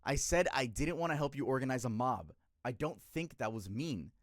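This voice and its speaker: A man in his twenties tells a story to his livestream chat in an animated, emotional voice that swoops around, bursting out loud and then sinking to a low mutter. He's casual and swears a lot, speaking at a normal speed. The audio is close and dry with no room sound.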